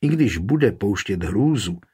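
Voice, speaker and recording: A man narrating a historical novel in a measured, storytelling way. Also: fairly low pitch, expressive, dark tone, slightly rough. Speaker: audiobook narrator. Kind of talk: scripted narration.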